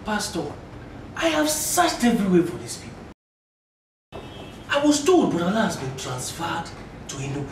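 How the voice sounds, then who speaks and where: Respectful church member, animated intonation, far off in an echoey room, played by an actor. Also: mid-range voice, a little slow, pauses often, a little hiss or hum. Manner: deferential.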